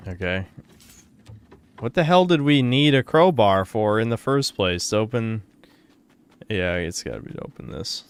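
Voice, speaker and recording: A man's voice: on the low side, sing-song, measured pace, pauses often, smooth. A man casually commentating a game on a live stream, swearing and reacting aloud as he plays.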